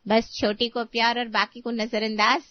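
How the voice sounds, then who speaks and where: A woman's voice: on the high side, little pitch movement, moderate pace, no room sound, lo-fi sound, lightly acted. A woman voicing a blunt middle-aged aunt who scolds her sister. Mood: scolding.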